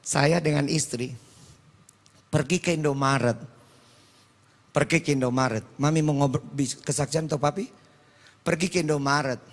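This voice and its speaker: Raspy high-voiced preacher. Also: male voice, steady tone, normal speed, pauses often. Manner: swings from shouted proclamation to low storytelling. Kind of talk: sermon with personal testimony.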